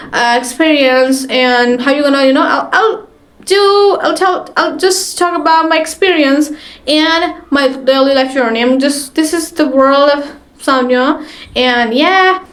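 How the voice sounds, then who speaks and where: A young woman in her twenties from Delhi with an Indian English accent, giving chatty, encouraging tips on learning English in a casual vlog and often restarting her sentences. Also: sits high. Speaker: beginner vlogger teaching spoken English. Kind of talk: casual talking-to-camera vlog.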